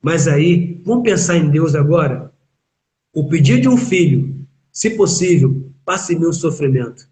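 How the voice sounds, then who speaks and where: A man's voice: fairly high pitch, animated, unhurried, warm tone. A man with a Brazilian Portuguese accent, a pastor giving a sermon during a live online chat, preaching emphatically and asking many rhetorical questions.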